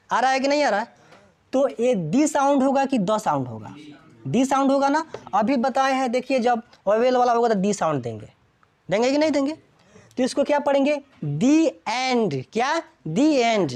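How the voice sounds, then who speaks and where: A woman teaches an English grammar lesson in a classroom. Her voice sits somewhat high and swings widely in pitch as she keeps quizzing her students. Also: a little mellow. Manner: asks students constant check questions.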